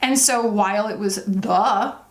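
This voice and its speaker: A woman's voice: medium pitch, a little slow. A woman beauty vlogger talking casually and confessionally, in a candid, empathetic way with emphatic asides. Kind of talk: casual confessional chat while doing makeup.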